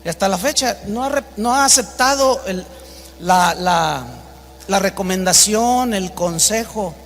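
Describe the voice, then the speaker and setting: A man's voice: high voice, unhurried, a bit bright, long reverb tail, slight background noise. A man with a Mexican Spanish accent preaching an emphatic sermon as pastor, acting out the voices in his stories.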